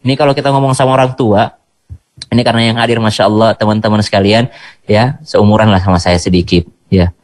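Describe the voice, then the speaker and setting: A young man giving a playful, chatty sermon to school students, breaking into chanted Quran recitation. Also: mid-range voice. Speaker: preacher. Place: virtual school event.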